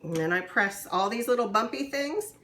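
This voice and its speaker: A woman teacher giving a slow, patient cooking demonstration for young children in a kitchen. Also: fairly high pitch, expressive, fairly bright tone, echoey room. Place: kitchen with running water.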